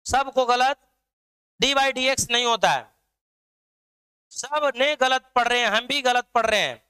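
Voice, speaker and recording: A man's voice: very high voice, bright, forceful tone, clean tone. A man teaching an online math lesson, drilling his students with repeated questions.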